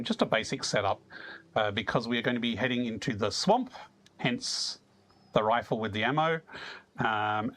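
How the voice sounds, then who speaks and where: An Australian man chatting casually with viewers as he streams a video game, easygoing and quick to chuckle. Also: medium pitch, a bit bright. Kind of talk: casual live-stream chat while playing.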